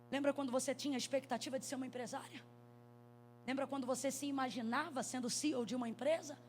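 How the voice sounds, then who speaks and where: A Brazilian woman preaching a sermon at a church conference, telling stories with a lively, animated delivery that rises into shouts. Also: sits high, a little hiss or hum. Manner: animated storytelling, rising to shouts.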